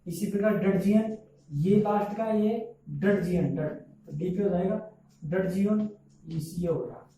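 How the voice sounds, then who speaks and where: A man's voice: high-pitched, measured pace, mellow, slight background noise. Echoey distant male teacher. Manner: repeats questions and answers them himself. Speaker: English teacher. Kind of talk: classroom-style video lesson. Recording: echoey room recorded from a distance.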